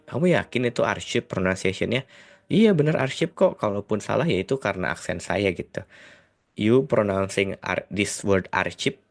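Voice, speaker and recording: A man with a Sundanese accent teaching a casual video lesson. He explains in a chatty way, with many tag words and hesitations, and mixes English phrases into his talk. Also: deep voice. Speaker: IELTS tutor.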